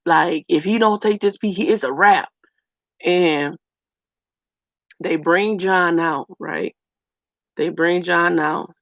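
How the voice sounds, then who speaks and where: A woman's voice: on the low side, takes it slowly, gravelly, pauses often, fairly bright tone, dry recording. A woman vlogger earnestly telling a personal story straight to her viewers, speeding up in bursts. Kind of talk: emotional personal storytelling to camera. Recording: dull lo-fi dry sound.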